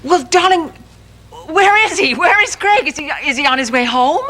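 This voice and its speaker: A woman's voice: high-pitched, animated, moderate pace, pushed and bright. An actress playing a refined middle-aged mother in a 1980s daytime soap, genteel and fond of calling people darling, heard from an old VHS tape recording. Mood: excited. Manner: genteel, says "darling" often. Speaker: soap opera character, a mother.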